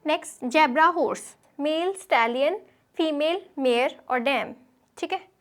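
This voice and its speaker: High-voiced Indian woman teaching. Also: measured pace. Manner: explains in Hindi, checks in with frequent "theek hai". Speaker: English teacher. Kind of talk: classroom lecture over slides.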